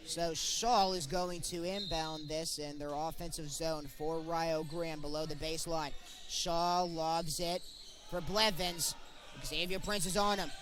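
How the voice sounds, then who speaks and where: A young adult man with a slightly high, somewhat bright voice calls live college basketball play-by-play, speaking unhurriedly in a steady tone. His commentary comes in short, clipped present-tense phrases, with soft background music behind him.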